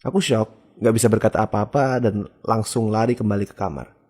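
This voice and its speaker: A man's voice: fairly low pitch, a little fast, darkish tone. A man narrating a first-person horror story in a casual, conversational way.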